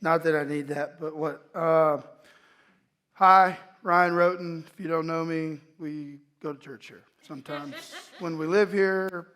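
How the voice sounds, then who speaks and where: A man in his forties from East Dallas, Texas, speaking at a church microphone and telling his life story in a halting, reflective way with many restarts. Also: on the high side, steady tone, fairly bright tone, clear, resonant tone. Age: 40s. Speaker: guest speaker sharing his testimony. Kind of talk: personal testimony talk. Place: church sanctuary. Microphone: microphone at a pulpit.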